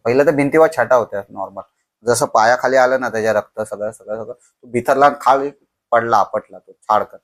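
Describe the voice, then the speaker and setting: Young guy telling a horror story on a podcast, slow, dramatic, goes quiet and hushed at the scary bits. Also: medium pitch.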